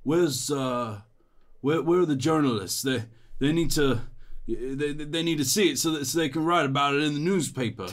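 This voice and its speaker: A man's voice: a little high, moderate pace, voice pushed up, natural voice. Dazed, stammering adventurer hero in a tabletop game, voiced by a man. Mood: stammering earnest.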